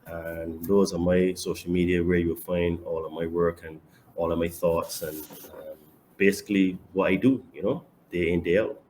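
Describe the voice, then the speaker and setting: A Barbadian man talks on a casual podcast in a very low, deep voice. He is confident and emphatic, and his loudness jumps suddenly on the points he cares about. A light background hiss runs under the recording. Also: fairly even intonation, moderate pace. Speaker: podcast guest and online fitness coach.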